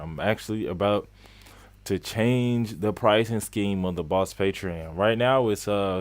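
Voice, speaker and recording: A man in his late twenties, working as a skate coach, hosts a casual live-stream Q&A in a low-pitched voice with no echo. He's chatty, repeats phrases for emphasis, and greets viewers by name mid-flow.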